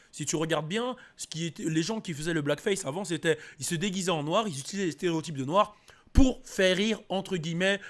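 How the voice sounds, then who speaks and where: A man of Antillean background giving a casual spoken commentary, thinking aloud with many fillers and restarts. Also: on the high side. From French Antilles. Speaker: host. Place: United States.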